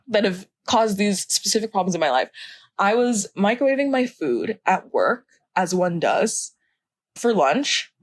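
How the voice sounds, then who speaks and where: A young woman co-hosting a podcast rants casually about things she hates, heated and profane, laughing at her own story. Her voice is medium-pitched, with no echo.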